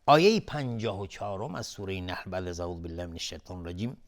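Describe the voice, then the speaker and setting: A man teaching Quran recitation rules on a television lesson, patiently explaining each rule and breaking words into syllables, then chanting the verses slowly in a higher, louder, melodic voice. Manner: alternates plain explanation with slow, raised, melodic chanting of verses.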